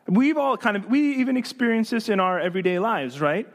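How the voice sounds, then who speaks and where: A male pastor preaching a sermon in an animated, emphatic way, acting out the voices of the people he quotes. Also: sits high, fairly quick.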